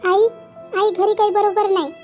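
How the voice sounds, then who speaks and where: A woman's voice: very high-pitched, little pitch movement. Woman voicing a hesitant young cartoon daughter. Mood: troubled. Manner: hesitant, pleading, halting restarts. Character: young married daughter, troubled and tearful. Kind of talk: Marathi cartoon voice acting. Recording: dull lo-fi with faint background music.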